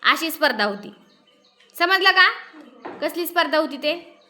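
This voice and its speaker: A woman teacher reads a story to her pupils in a classroom and keeps stopping to explain it and put questions to the class. Her voice is high-pitched, bright and forceful. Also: lively intonation, a little slow, slight background noise. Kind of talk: classroom lesson, reading a story aloud.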